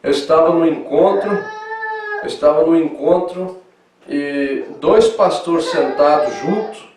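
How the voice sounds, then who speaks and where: Male southern Brazilian pastor, fairly high voice, animated teaching, echoey church hall, far mic. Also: a little slow. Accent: southern Brazilian Portuguese. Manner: animated, swings from loud emphasis to soft asides; acts out quoted dialogue in lively voices. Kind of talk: Sunday school sermon.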